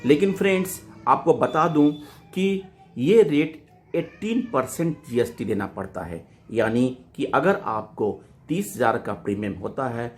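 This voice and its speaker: A man's voice: mid-range voice, a little slow, slight background noise. A man hosting a banking channel, addressing viewers as friends and reading out a letter in an informational explainer. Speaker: host of a banking news channel.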